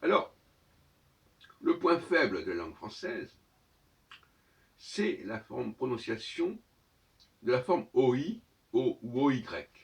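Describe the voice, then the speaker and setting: A man giving a lecturing monologue on his own channel, professorial and argumentative, pausing on fillers while he searches for words. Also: medium pitch, big pitch swings, vocal fry, distant mic.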